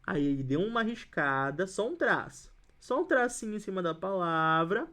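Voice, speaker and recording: A teacher with a Brazilian Portuguese accent gives an online lesson, explaining as they write, in a medium-pitched, somewhat bright voice with lively intonation at normal speed. Patient throughout, they repeat every example and keep making sure students are following.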